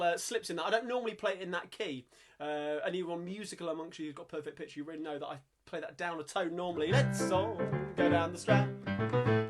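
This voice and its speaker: A man with a London accent hosting a live-streamed singalong, chatting upbeat between songs and breaking into old music-hall numbers. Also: a little high. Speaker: singalong host and pianist. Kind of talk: casual live-stream chat with singing. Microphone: home streaming mic.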